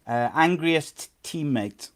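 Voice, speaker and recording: A man's voice: a little high, lively intonation, slow. A man hosting a football show informally, in an easygoing, chatty way. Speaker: host.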